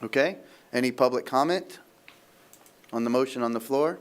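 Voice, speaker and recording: A man's voice: mid-range voice, moderate pace. A man chairing a public committee meeting in an easygoing, lightly joking way.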